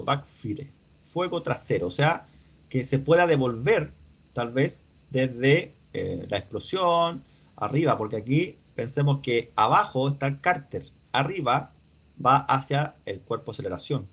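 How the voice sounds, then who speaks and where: A man gives an online class, explaining patiently and often checking in with his students. His voice is somewhat husky and mid-pitched. The sound is dull and lo-fi, as if picked up by a computer microphone. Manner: explanatory, asks questions to students. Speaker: instructor. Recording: dull lo-fi audio.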